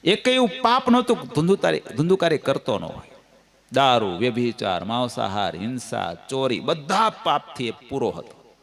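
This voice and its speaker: A man with a Gujarati accent giving a devotional scripture discourse, telling stories and folk anecdotes in a lively, sing-song way. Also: medium pitch, moderate pace. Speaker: katha storyteller.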